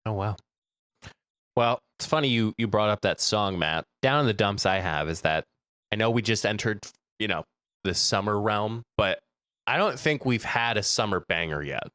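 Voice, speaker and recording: A man's voice: on the low side, expressive, normal speed, sharp tone, dry recording, clean studio sound. A man co-hosting a comedy podcast, chatting casually and laughing often as he explains things with examples. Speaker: podcast co-host. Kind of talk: casual chat.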